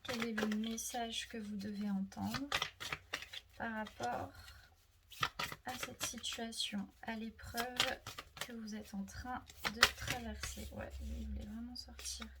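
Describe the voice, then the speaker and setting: A woman giving a casual tarot reading, thinking aloud with many fillers and soft murmurs to herself as she draws cards. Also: fairly high pitch, little pitch movement, takes it slowly, long pauses, heavy background noise. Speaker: tarot reader.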